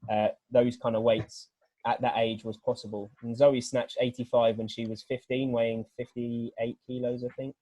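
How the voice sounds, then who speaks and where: A man's voice: medium pitch, mellow, dry recording. Earnest man explaining on a video call. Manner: earnest, rambling explanation with many restarts. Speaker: weightlifting coach, guest speaker.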